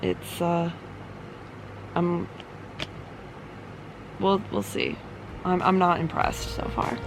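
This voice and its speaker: A woman's voice: lowish voice, little pitch movement, slow pace, creaky, low-quality recording. A woman chatting casually and ramblingly in a reading vlog, sounding unimpressed as a book reviewer. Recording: fan noise behind the voice. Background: running fan.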